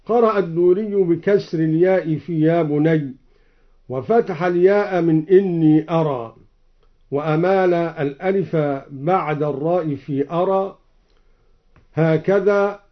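Slow, measured man on a dull recording. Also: a little high. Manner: measured, formal classical delivery. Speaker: Quran recitation teacher. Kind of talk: explaining recitation variants with chanted examples.

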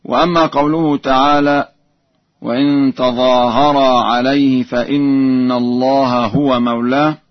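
A man teaching Quran reading variants, explaining calmly and chanting the verses slowly as examples. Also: medium pitch, no room sound, muffled recording. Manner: measured explanation broken by slow chanted verses.

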